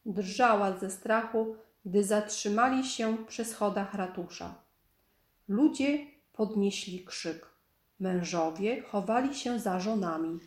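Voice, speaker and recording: A woman reading a children's story aloud in a calm, measured storytelling manner. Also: medium pitch. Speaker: storybook narrator. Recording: echoey room.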